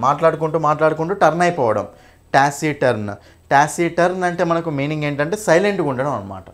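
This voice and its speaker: A young man teaching an English exam-prep lesson, repeating points and checking in with "okay?" often. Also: fairly high pitch.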